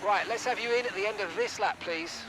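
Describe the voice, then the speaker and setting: An actor voicing a race engineer in a racing game, giving brief, clipped instructions over pit radio. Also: male voice, sits high, brisk, over music, natural voice, rough recording. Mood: businesslike. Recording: loud car engine noise behind.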